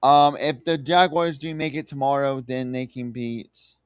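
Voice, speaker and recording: A man's voice: medium pitch, unhurried, clear, resonant tone, dry recording, studio quality. Southern-drawling man in casual sports chat. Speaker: sports livestream host.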